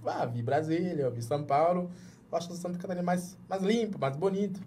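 The voice sits high and warm, moving a little fast, with slight background noise behind it. It belongs to a Jamaican journalist in his thirties with a Jamaican accent, a guest in a small padded studio chatting casually in an interview, who keeps restarting words as he tries to find them in Portuguese.

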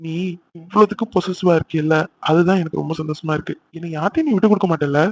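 Guy doing a playful teasing young husband, cartoon, rattles along fast, muffled audio. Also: on the high side. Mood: coaxing. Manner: teasing, coaxing. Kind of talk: cartoon voice acting.

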